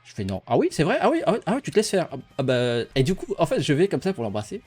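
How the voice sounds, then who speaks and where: A man's voice: a little high, huge pitch swings, fast talker, darkish tone. A young man casually telling a personal story to his viewers, rambling and playful, laughing often as he goes.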